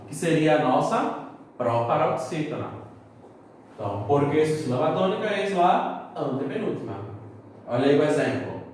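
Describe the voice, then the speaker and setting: Brazilian teacher in an echoey room. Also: male voice, mid-range voice, a little mellow, a little hiss or hum. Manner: explains step by step, checks in with the students. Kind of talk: recorded classroom lesson. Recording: echoey room, mic at a distance.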